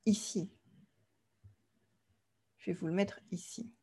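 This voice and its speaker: A French woman leads an online language class. She explains things patiently and plainly, pausing to make sure her students are following along. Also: medium pitch, fairly even intonation, warm tone. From France. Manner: clear, patient explaining, often checks with "d'accord?". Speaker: French teacher.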